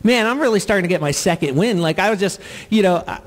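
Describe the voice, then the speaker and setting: A man in his forties doing live stand-up comedy before an audience, playful with drawn-out punchlines. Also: high voice, lively intonation, in a large hall, poor audio. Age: 40s. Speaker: comedian and singer.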